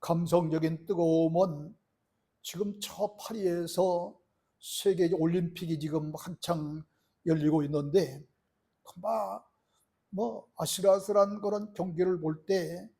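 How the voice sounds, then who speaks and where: A man's voice: high voice, steady tone, a little slow, creaky, mellow, husky. A middle-aged man preaching a sermon as pastor, earnest and asking the congregation rhetorical questions.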